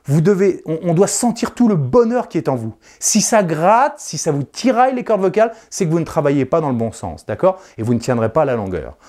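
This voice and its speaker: A man leading vocal coaching exercises, encouraging the viewer directly and swinging between loud declarations and soft, confidential tones. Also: a little high, sing-song, a little fast, few pauses. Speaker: speaking coach.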